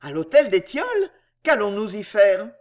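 Lady putting on a high teary drunk old guy, whiny, voice shooting way up. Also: big pitch swings, moderate pace, natural voice. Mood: eager, fretful. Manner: whining, tearful, stammering. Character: fat old drunkard man, tearful and pleading.

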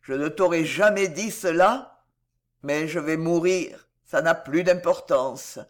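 A reader voicing a timid, gentle dwarf man in a storybook who speaks softly and falters, as if dying. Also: a little high. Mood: tender. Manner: soft, slow, faltering. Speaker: storybook character. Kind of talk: dramatic audiobook reading.

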